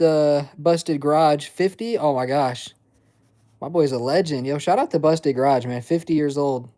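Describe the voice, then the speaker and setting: A man in his twenties hosts a livestream, chatting casually as he reads chat and rambles in loose, filler-heavy slang. His voice sits a little high and has a warm tone.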